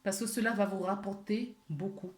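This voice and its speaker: A woman doing a weekly spiritual card reading, gently encouraging her viewers and repeating key words for emphasis. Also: mid-range voice, fairly even intonation, moderate pace, echoey room. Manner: gentle and encouraging, often asks for agreement. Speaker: tarot and oracle card reader.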